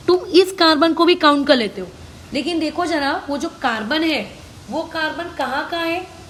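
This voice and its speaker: A woman's voice: high voice, slight background noise. An Indian woman teaching chemistry, mixing Hindi and English, spelling out names letter by letter and answering her own questions. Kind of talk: online lesson, working problems aloud.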